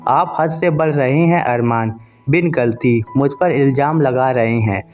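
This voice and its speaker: A man voicing a young wife who speaks calmly and firmly. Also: medium pitch, a little slow, highs cut off, faint music behind, lightly acted. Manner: calm, then firm. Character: calm, firm young wife.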